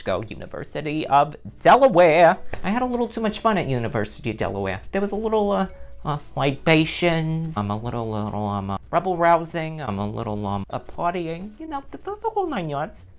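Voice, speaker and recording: A very low-voiced, sassy middle-aged nun, as a woman plays her, rambling in a comic vlog. She swings her pitch widely, tumbling from one self-interrupting aside to the next. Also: sing-song, brisk. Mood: chatty. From New Jersey. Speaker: vlog host. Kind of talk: comedic character vlog.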